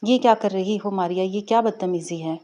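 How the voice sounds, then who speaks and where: A woman's voice: mid-range voice, dark tone, lightly acted. A woman voicing an indignant young married woman in a spoken story, scolding sharply. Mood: shocked pleading.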